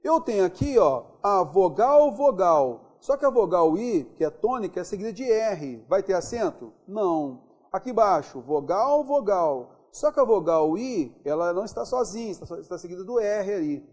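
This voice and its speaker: A man with a Brazilian accent teaching a grammar lesson. He stretches out example words slowly and keeps checking in with his students. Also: sits high, sing-song, darkish tone, slightly rough. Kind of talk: classroom lesson on accent rules.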